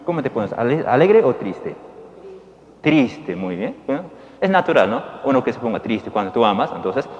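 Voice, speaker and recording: A male priest gives a folksy homily at Mass, asking the congregation questions and swinging between soft and loud. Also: medium pitch, sing-song, normal speed, dull audio. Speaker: Dominican priest. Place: church. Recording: long reverb in a large hall.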